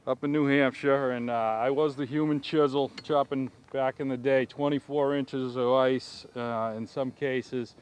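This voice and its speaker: A man explaining a fishing technique in a casual, halting, hands-on way outdoors. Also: mid-range voice, steady tone, smooth. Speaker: ice fishing guest demonstrating technique. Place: outdoors on a frozen pond. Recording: noisy outdoor location sound.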